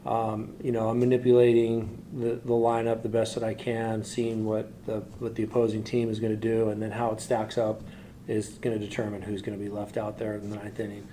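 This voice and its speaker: Flat-voiced male team manager. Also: lowish voice, slight background noise. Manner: halting, searching for words. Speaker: baseball manager. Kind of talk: postgame press answer.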